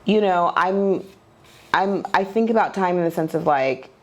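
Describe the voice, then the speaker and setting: A woman in her forties, from Nigeria, talking as a podcast guest in her own home. Her voice sits low, and she speaks candidly and reflectively. Her phrasing stays loose and conversational, full of small fillers. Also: expressive, unhurried. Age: 40s. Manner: reflective, open, loose with many "like"s.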